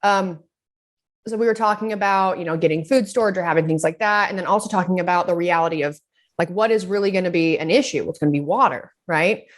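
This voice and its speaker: A woman from Utah co-hosts a podcast, talking fast in a fairly low voice. In casual chat, she tells rambling stories packed with fillers and bursts of laughter.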